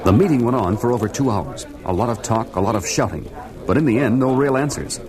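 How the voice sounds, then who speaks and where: A man's voice: medium pitch, brisk, crowd noise, natural voice. An actor playing an urgent, decisive male reporter hero who narrates a disaster in old radio show style. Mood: brisk narration. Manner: dramatic storytelling delivery. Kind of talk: old radio show adventure drama acting. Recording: music under radio drama. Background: dramatic music.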